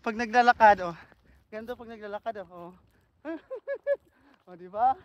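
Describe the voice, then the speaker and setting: A man's voice: sits high, wildly swooping pitch, a little slow. Man, Ilonggo accent, casual vlog chat, playful, laughs a lot, outdoors, dull lo-fi phone sound. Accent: Ilonggo Filipino. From Philippines. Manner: playful, laughs often, jokes around. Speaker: vlogger. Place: outdoors on a cold street.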